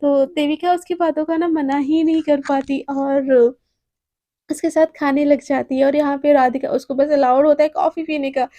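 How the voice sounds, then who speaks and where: A woman's voice: sits high, steady tone, normal speed, dark tone, no room sound. A young woman telling a romance story in a chatty, rambling way, often repeating words. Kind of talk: casual oral storytelling.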